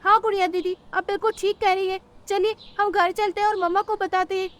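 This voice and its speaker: A woman's voice: very high-pitched, level tone, brisk, fairly bright tone, voice pushed up. A woman voicing a cautious, slightly whiny little boy bird in a cartoon. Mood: anxious. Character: young boy bird, cautious younger brother.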